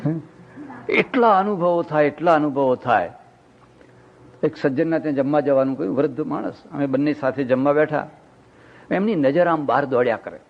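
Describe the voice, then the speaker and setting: An older man giving a storytelling sermon as a monk, animated and acting out the people in his stories. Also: fairly high pitch. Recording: dull lo-fi recording.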